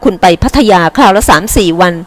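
A woman's voice: medium pitch, fairly quick, natural voice. Woman reading as a weary young army officer husband. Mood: curt. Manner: calm, curt, patronizing. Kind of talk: audiobook character reading. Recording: long hall reverb.

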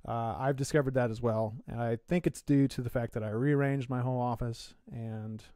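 A man's voice: medium pitch, fairly even intonation, normal speed, warm tone, clean tone. Man heard only in the left ear. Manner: hesitant, with many fillers and restarts. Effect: audio heard in the left channel only. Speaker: co-host of a tech live stream. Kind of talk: casual chat. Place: home office.

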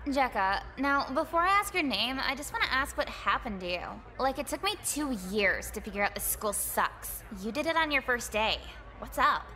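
A bright, gossipy schoolgirl. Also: sits high, sing-song, normal speed, hardly any pauses, heavily acted. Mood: chatty. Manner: chatty, blunt, casual swearing. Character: blunt, gossipy sixteen-year-old schoolgirl. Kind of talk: video game voice acting.

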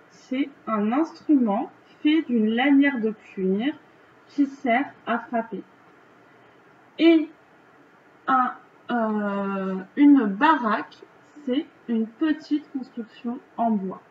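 A French woman teaching children, her voice pitched a little high, working through the answers slowly and patiently. The recording sounds a bit dull, with a faint hiss behind her. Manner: slow, patient, explaining step by step. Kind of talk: reading lesson correction for children.

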